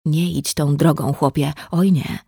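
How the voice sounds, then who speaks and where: A woman reading the lines of a sly, mocking young man who speaks softly and deceptively gently, in an audiobook. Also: deep voice, steady tone, unhurried, gravelly, breathy edge, dry recording, studio quality, exaggerated voice.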